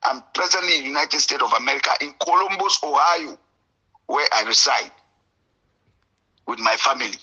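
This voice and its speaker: A man from Cameroon with a Cameroonian English accent, calling in to a radio show, impassioned and indignant, at times breaking into shouts. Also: mid-range voice, normal speed, pauses often, slightly rough, highs cut off. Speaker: caller. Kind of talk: call-in radio talk.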